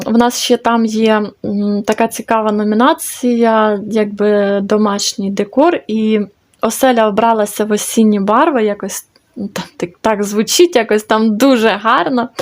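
A woman's voice: fairly high pitch, darkish tone. A woman hosting a knitting channel, casually chatting and thinking aloud with many fillers as she shows her crochet work. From Ukraine. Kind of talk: casual crafting video report.

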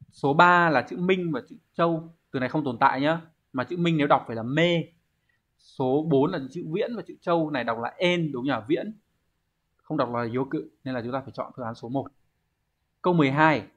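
A man's voice: fairly high pitch, fairly bright tone. A man with a Vietnamese accent teaching a Japanese exam lesson, explaining each answer step by step and asking himself questions. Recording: dull lo-fi recording.

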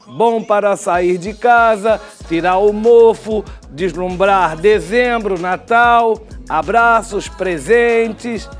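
An older man with a Brazilian Portuguese accent giving chatty studio TV commentary, with wry asides and drawn-out sign-offs. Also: high-pitched, soft background music. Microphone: lapel mic.

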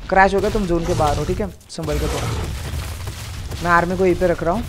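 High-voiced young man calling game plays. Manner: quick, directing teammate, repeats calls. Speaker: gamer streamer. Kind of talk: casual gaming chat with a teammate. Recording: faint background noise.

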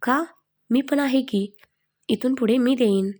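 A woman's voice: high voice, slow, a little mellow, pitched above the performer's own voice. A woman voicing a playful, affectionate young man who teases his family. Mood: teasing.

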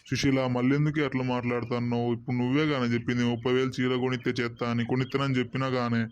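A man's voice: medium pitch, little pitch movement, very fast, lightly acted. A man voicing an anxious henpecked husband in a Telangana Telugu cartoon comedy, pleading with his wife. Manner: pleading, flustered. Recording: muffled lo-fi recording.

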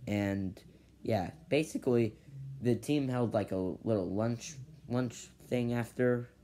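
A teenage boy vlogs casually to his camera in his bedroom, rambling through a story, restarting often and saying "basically" a lot. His male voice is medium-pitched, slow and warm, with a slight hiss or hum. He records indoors under a ceiling fan, on his device's camera held at a low angle.

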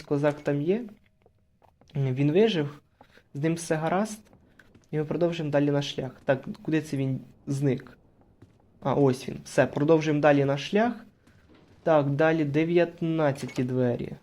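Mellow-voiced man narrating a horror game. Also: a little high. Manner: chatty, narrates each move, nervous bursts when hiding. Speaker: gaming channel host. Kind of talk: casual Let's Play commentary.

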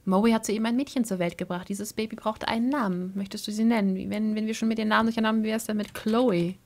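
A woman casually commenting on a life-simulation game, chatty and amused with quick asides. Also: mid-range voice, steady tone. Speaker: let's play host.

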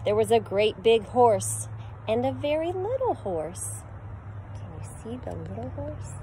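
On an outdoor deck in a backyard, a middle-aged woman who teaches preschool reads a picture book aloud to children, sing-song and occasionally imitating animals. Her fairly high voice is very animated and moves at a measured pace. A phone camera at arm's length captured it, with noisy background sound.

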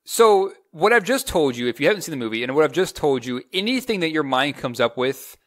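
A man in his twenties chatting casually as a movie reviewer, excitable and rambling, often restarting his sentences. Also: a little high, a little fast. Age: 20s. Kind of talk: casual chat.

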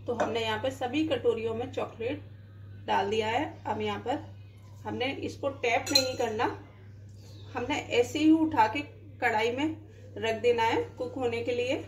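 A woman's voice: a little high, a little slow, slight background noise. Woman demonstrating a recipe in her kitchen. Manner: explains plainly while cooking, with frequent "dekhiye". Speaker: cooking channel host. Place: home kitchen, indoors.

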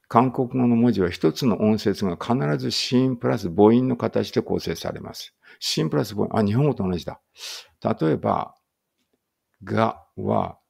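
Gravelly-voiced man thinking aloud. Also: fairly low pitch. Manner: thinks aloud, muttering asides. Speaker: language teacher reading aloud. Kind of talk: casual study-along reading.

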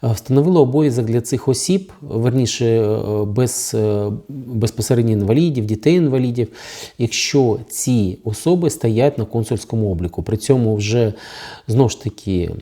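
A Ukrainian-accented man talks straight to the viewer about legal changes, dry and sarcastic about the officials he criticizes. His voice is very dark and mellow, pitched in an ordinary middle range, and he often pauses on filler sounds as he thinks aloud. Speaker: lawyer hosting a legal channel. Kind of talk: direct-to-camera legal commentary.

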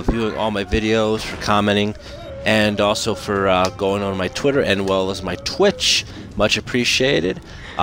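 A man giving casual gameplay commentary and channel updates as a streamer, in a loose, halting, informal way. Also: lowish voice. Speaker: game streamer and video creator. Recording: clearly noisy game audio behind voice. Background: video game ambience and noise.

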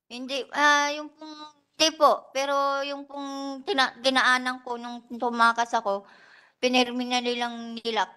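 Soft-spoken woman giving polite testimony. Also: a little high, little pitch movement, a little slow, smooth. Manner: soft, polite, short answers. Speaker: witness, domestic worker. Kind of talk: testimony at a hearing. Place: legislative hearing room.

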